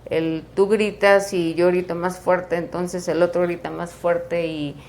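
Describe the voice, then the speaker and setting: Low-voiced woman host. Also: level tone, a little slow, darkish tone. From Mexico. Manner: chatty, acts out everyday scenes, many fillers. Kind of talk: interview talk.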